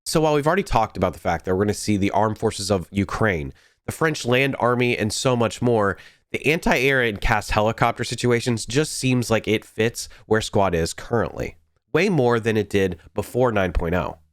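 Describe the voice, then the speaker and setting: A man hosting a game update video, sounding nasal from a head cold, talking in a steady, thoughtful way. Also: lowish voice, normal speed, no echo, studio quality. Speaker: gaming video host. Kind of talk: scripted game update commentary.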